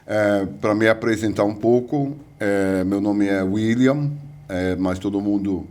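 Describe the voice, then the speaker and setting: A man's voice: on the low side, unhurried, darkish tone. An older man from the United States with an American English accent, a guest professor speaking hesitantly with many fillers in an interview. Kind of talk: interview conversation.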